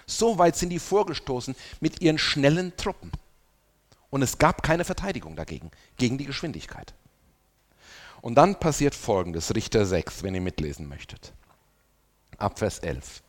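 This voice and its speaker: Lively male preacher in a reverberant hall. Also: medium pitch, moderate pace. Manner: addresses the congregation directly, lively emphasis. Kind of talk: sermon with scripture reading.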